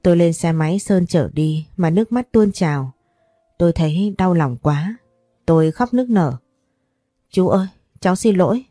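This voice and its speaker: A woman narrating a scripted first-person story in a steady, even manner. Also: fairly low pitch, moderate pace, dry recording, studio quality, soft background music.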